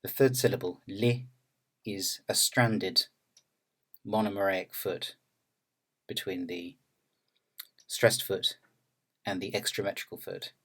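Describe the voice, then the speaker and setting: A man narrating an academic lecture in a measured, explanatory way. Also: low voice, steady tone, fairly bright tone.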